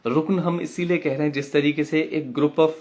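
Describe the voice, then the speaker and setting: A man teaching a poetry workshop, chanting syllables and beat counts in a drawn-out way. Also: a little high, steady tone, a little mellow. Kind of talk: online lesson.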